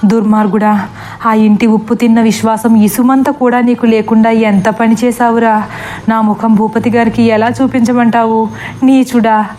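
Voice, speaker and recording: A woman's voice: a little high, flat delivery, moderate pace, warm tone, a little hiss or hum, lightly acted. A woman voicing a worried middle-aged father who turns furious at his son, in a storybook reading.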